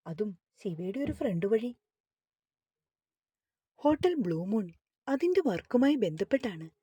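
Woman storyteller reading a romance novel aloud, mellow and husky, dry close sound. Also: a little high, dry recording. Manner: steady, expressive reading. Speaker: storyteller and author.

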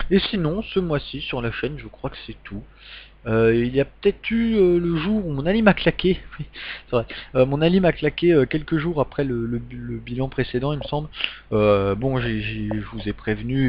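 A man giving a casual update to his gaming channel's subscribers, rambling with many ums and restarts. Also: medium pitch. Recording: dull lo-fi sound with faint music.

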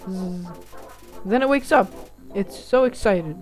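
A woman chats through a video game in a casual let's-play, reading the on-screen text aloud and reacting in short asides. Her voice sits at an ordinary middle pitch. Faint game music plays behind her. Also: slow. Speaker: gaming channel host.

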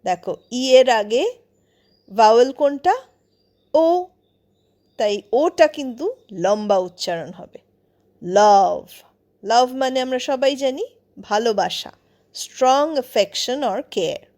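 A woman teaching English pronunciation, spelling out words letter by letter and reading the example sentences very slowly. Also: fairly high pitch, lively intonation, mellow. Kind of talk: slow, deliberate lesson narration.

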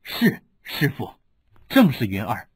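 A man voicing a loyal young swordsman who speaks softly and haltingly. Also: a little high, expressive, slightly rough, exaggerated voice. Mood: choked. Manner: soft, halting.

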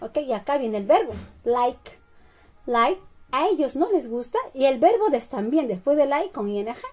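A woman English teacher giving a slow bilingual classroom lesson, drilling each phrase and checking in with "okay?" and "right?". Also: high voice, expressive, a little mellow, breathy edge. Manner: slow, deliberate drilling with frequent "¿ok?" and "¿verdad?" checks.

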